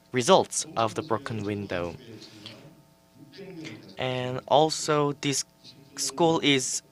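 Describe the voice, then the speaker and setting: A man gives a conference presentation over a webinar microphone at an unhurried, deliberate pace. He hesitates often, repeating words and restarting his phrases with fillers. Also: mid-range voice, fairly bright tone. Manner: slow and halting, with fillers and restarts. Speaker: forum presenter.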